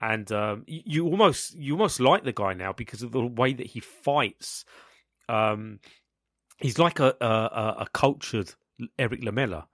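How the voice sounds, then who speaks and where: Man, gravelly sick voice, podcast host, casual football talk, stumbling phrasing, dry recording. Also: medium pitch, animated, dry recording. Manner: halting, stumbles and repeats words. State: sick with a cough.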